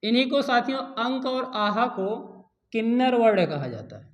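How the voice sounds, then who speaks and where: A man teaching a grammar lesson to exam students, repeating key terms slowly and asking and answering his own questions. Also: very high voice, very animated, dull audio. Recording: echoey room.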